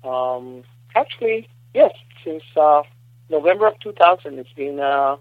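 A man raised in Puerto Rico joins a podcast from his apartment, his voice slightly high. He answers hesitantly with many fillers. The line sounds dull and lo-fi, with a very dry sound. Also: expressive, measured pace, no room sound. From United States, raised in Puerto Rico. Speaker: podcast guest. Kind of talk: casual interview chat.

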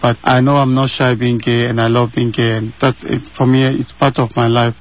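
The interviewee, a Ghanaian man in his thirties, responds with earnest conviction, repeating phrases to press his points, and speaks a little fast in a level, mid-range voice. The audio comes across a bit dull, as if over a remote connection from his home.

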